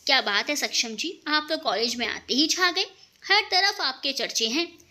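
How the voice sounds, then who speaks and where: A woman's voice: sits high, expressive, moderate pace, pushed and bright, full character voice. A woman voicing a middle-aged male chemistry teacher who teases and gossips. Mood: teasing. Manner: teasing, chuckling.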